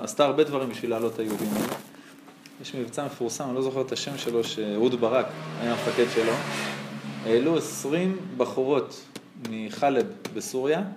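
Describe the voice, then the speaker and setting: A man's voice: mid-range voice, background noise. A man, a rabbi, preaching a sermon and telling stories, his voice rising and dropping sharply. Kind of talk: sermon with storytelling. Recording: roomy echo.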